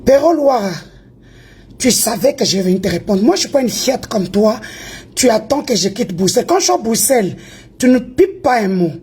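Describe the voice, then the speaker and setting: A woman from Congo (DRC) with a fairly high, very animated voice, a little mellow with a breathy edge, speaks at normal speed. She delivers a heated, confrontational rant, taunting and defiant, mixing French and Lingala.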